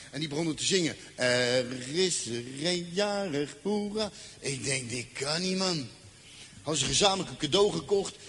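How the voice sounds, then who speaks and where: A man telling a dramatic personal testimony, acting out the dialogue and slowing down for emphasis. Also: on the high side, a bit bright, slight background noise. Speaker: speaker giving a personal testimony. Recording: faint ambience, long reverb.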